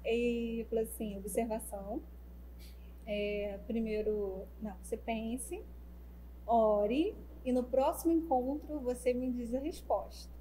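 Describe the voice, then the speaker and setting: A young woman casually telling the story of her relationship as a guest, animated and acting out the dialogue. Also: on the high side, slow, slight background noise, poor audio. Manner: animated, acts out the dialogue, many fillers like "né". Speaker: guest telling how she met her partner.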